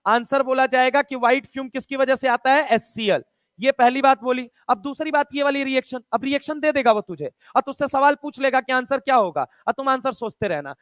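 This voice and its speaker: A man teaching a chemistry lesson, firing quick questions at students, counting aloud and mixing Hindi with read-out English textbook lines in a casual, chummy way. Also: extremely high pitch, a bit bright, no room sound. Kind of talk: online chemistry lecture.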